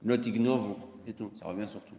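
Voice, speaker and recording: A rabbi teaching an informal lesson, repeating key points and rising into emphatic bursts. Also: male voice, fairly low pitch, steady tone, fairly quick, dark tone. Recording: echoey hall, dull lo-fi sound.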